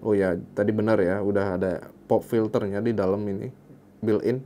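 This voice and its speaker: A man's voice: on the low side, fairly even intonation, moderate pace, dark tone. A man casually reviewing gear, chatty and joking with self-mocking asides, speaking up close to a microphone indoors. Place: indoors, close to a dynamic mic.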